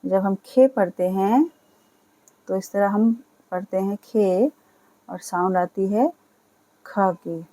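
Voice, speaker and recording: A woman gives a slow beginner alphabet lesson, naming each letter and then repeating the sound it makes. Her voice is mellow and warm, and she takes her time over every word. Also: medium pitch, poor audio. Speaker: Urdu teacher.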